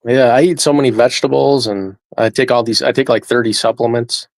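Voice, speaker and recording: Steady man in his forties, dry sound. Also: mid-range voice, brisk, gravelly, dry recording. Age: 40s. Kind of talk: casual chat.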